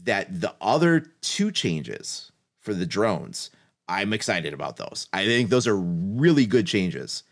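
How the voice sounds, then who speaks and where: A man's voice: fairly low pitch, sing-song, slow pace, vocal fry. A man co-hosting a casual gaming podcast, talking things through with hedges and frequent laughs. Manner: thoughtful, hedging, laughs often.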